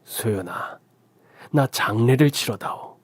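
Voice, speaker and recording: A man voicing an older injured father, a cunning and secretive chairman, who talks slowly in hushed, commanding tones. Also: on the low side, steady tone, husky, no echo. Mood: hushed, grave. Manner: hushed, slow and commanding, often whispered.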